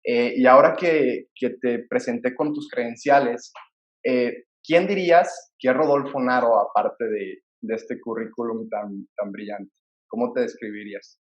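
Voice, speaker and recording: A man's voice: mid-range voice, a little slow, echoey room, highs cut off. A man hosting a podcast interview, earnestly introducing and questioning his guest. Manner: earnest and admiring, reads introductions. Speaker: podcast host.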